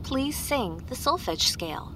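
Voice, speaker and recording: This is a gentle female care AI for a story game, courteous and precise as she walks a new resident through registration. The tone is bright and crisp, each phrase measured and formal. A faint hiss of noise sits under the voice. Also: high-pitched, very animated, heavily acted, low-quality recording. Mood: calm, courteous. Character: gentle polite female wellness AI assistant.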